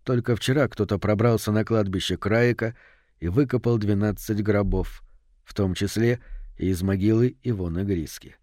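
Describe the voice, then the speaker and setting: A man narrating an audiobook in a measured, suspenseful way. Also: on the low side, a little mellow, no echo, studio quality.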